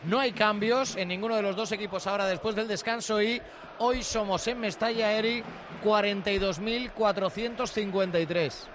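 A high-pitched man reports live from a football stadium. Clear outdoor noise surrounds his voice as he discusses the match. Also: steady tone, moderate pace. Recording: noisy outdoor stadium ambience.

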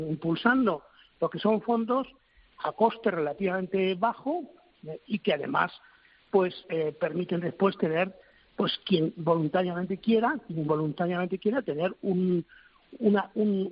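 A government official answering interview questions, a man who talks haltingly and searches for his words. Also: high-pitched. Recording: dull lo-fi recording.

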